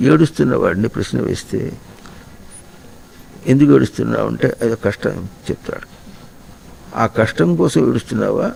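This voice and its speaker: A man gives a spiritual discourse in a deeply gravelly voice. His tone is dark and mellow, and he talks in a slow, reflective way, repeating his points and putting questions to his listeners. A faint noise sits behind him. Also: poor audio. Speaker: spiritual teacher.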